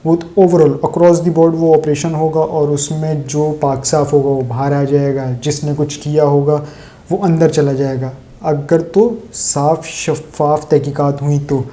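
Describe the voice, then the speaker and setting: A man's voice: on the high side, level tone, warm tone. A man from Pakistan delivering sarcastic, opinionated solo political commentary straight to his viewers.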